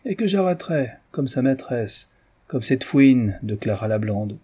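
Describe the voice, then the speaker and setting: Audiobook: male narrator playing a brusque, self-important inspector with a dark, husky voice. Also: mid-range voice, expressive, unhurried, voice pushed up. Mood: gruff. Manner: gruff, blunt. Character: brusque, boastful middle-aged police inspector.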